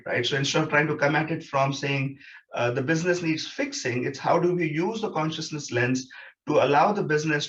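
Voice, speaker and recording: A man's voice: fairly high pitch, a bit bright, highs cut off. A man giving a reflective academic conference talk, building his points in lists. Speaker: researcher presenting.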